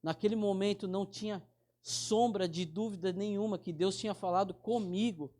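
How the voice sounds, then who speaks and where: A man's voice: high voice, darkish tone. A man gives an informal, conversational sermon. He speaks directly to his listeners and calls them brother. He often breaks off and restarts his phrases. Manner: halting restarts. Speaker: preacher.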